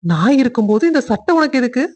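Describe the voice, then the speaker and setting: A woman's voice: a little high, animated, quick pace, darkish tone, husky. A woman voicing a young cartoon husband who teases and bosses his wife with affection. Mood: playful. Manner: teasing, bossy. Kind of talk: cartoon family drama voice acting.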